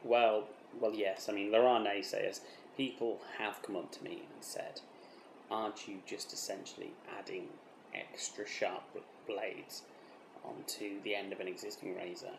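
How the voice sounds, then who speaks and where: A man playing a pompous British razor developer delivers an improvised-sounding monologue for a mock documentary interview. His lowish voice carries vocal fry as he brags with deadpan earnestness and false modesty, halting and repeating himself defensively, all against a roomy echo and faint background noise.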